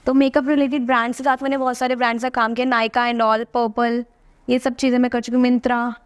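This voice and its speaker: A woman's voice: a little high, level tone, brisk, dull audio. A young woman in her early twenties, a model and influencer, chatting confidently as a podcast guest and mixing English into her talk. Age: 20s. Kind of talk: casual interview chat.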